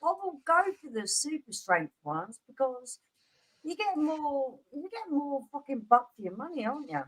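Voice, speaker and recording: A blunt woman co-hosts a relaxed chat about beer and swears without a second thought. Her voice is high and very animated, bouncing up and down as she talks. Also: moderate pace, rough recording. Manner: blunt, swears casually, laughs a lot. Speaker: co-host of a beer review channel. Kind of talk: casual chat.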